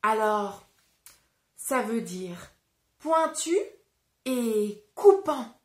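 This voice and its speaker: Woman teacher, storybook reading for kids, very slow, lively up-and-down voice, roomy echo. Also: fairly high pitch. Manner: slow, clearly articulated, animated teacher voice. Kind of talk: interactive storybook reading and phonics lesson.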